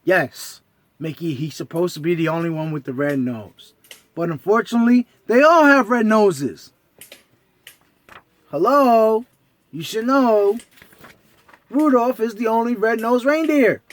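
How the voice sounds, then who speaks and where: Man putting on a hearty, high-pitched Santa Claus. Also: animated, a little slow, pauses often, no echo. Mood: explaining. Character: Santa Claus, kindly old man, earnest and grateful.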